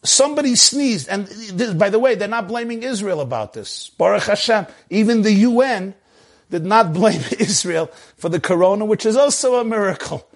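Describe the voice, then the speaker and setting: High-pitched rabbi. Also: male voice, lively intonation, normal speed. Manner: emphatic, rhetorical questions, peppered with Hebrew and Yiddish. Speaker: rabbi giving a talk. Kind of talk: animated sermon on a video call. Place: video call.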